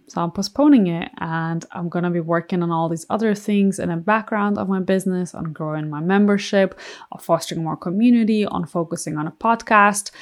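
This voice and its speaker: A young adult woman hosting a solo podcast as a coach, talking in an earnest, confiding way with many casual fillers. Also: mid-range voice. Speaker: podcast host, mindset coach.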